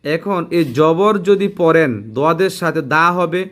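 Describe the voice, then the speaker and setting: A man's voice: a little high, fairly even intonation, normal speed, a bit bright, clear, resonant tone. A man teaching Quran letter pronunciation, drilling syllables one by one and asking his students whether they follow. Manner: patient, drills letters syllable by syllable and checks understanding. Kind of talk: slow classroom-style recitation lesson.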